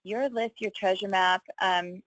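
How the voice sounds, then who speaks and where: A woman's voice: medium pitch, steady tone, a little slow, a bit bright, low-quality recording. A woman co-leading a training call, cheerful and chatty, laughing easily.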